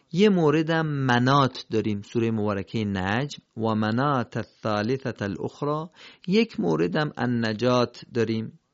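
A man's voice: medium pitch, gravelly, dry recording, lo-fi sound. A man teaching correct Quran recitation, patiently drilling each word with questions and answers. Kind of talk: instructional lesson.

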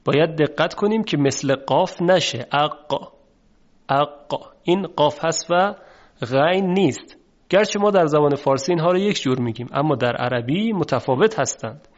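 A man with a Persian accent teaching Quranic pronunciation, explaining patiently and slowly drawing out the example words. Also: fairly high pitch, expressive. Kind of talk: phonetics lesson with drawn-out example words. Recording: dull lo-fi recording.

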